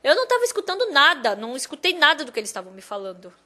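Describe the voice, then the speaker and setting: A woman delivers a sermon by retelling a personal story, her voice sitting high for a woman. She moves between hushed reflection and emphatic stretches, keeping the telling lively. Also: racing. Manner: animated storytelling, loudness swinging from hushed to emphatic.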